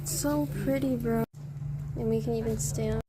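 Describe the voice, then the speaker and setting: A woman's voice: on the high side, fairly even intonation, a little slow, noisy background. A young woman chatting to camera while traveling, showing things off in a casual vlog. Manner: chatty show-and-tell to camera. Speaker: travel vlogger. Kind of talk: casual on-location vlogging.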